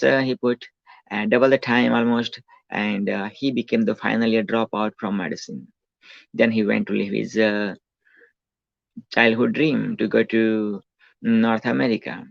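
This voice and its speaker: This Indian self-help speaker in his 40s has a Gujarati accent and a voice on the low side with vocal fry. In a dull, lo-fi, dry recording, he recounts his life in a rambling monologue packed with fillers and restarts.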